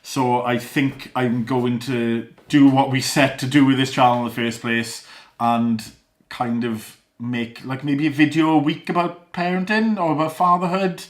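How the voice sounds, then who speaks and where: A man's voice: mid-range voice, fairly even intonation, unhurried, reverberant. A young man, a father, talking casually to the camera at home, earnest and rambling, with small laughs and restarts. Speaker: father and vlogger. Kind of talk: casual vlog talk to camera. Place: living room at home.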